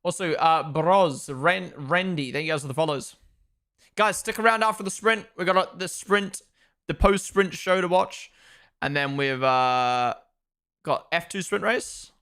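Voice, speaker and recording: A man's voice: on the high side, unhurried, bright, forceful tone, clear, resonant tone. A young man from Australia and New Zealand hosting a live race watchalong, giving chatty, opinionated commentary and talking to his chat.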